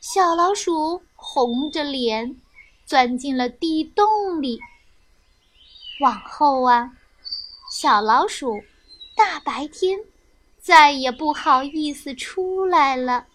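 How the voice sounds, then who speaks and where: A woman narrating a children's story, slow and expressive, speaking to young listeners. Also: sits high.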